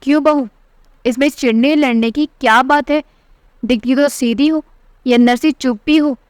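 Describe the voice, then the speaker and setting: A woman's voice: sits high, fairly even intonation, moderate pace, clear, resonant tone, dry recording, studio quality, close to an everyday voice. Woman voicing a curt scolding mother-in-law. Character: stern middle-aged mother-in-law, curt and dismissive.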